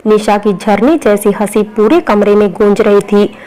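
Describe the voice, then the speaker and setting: A woman reading a romantic story aloud as scripted narration, in a flat, even manner. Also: medium pitch, unhurried, rough recording.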